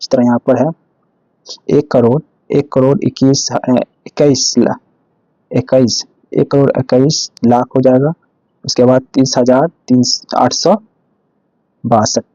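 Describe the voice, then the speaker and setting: Slow, flat-voiced man teaching math. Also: mid-range voice, no echo, dull audio. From India. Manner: slow, repetitive, walks through step by step with restarts. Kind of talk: explaining a math exercise.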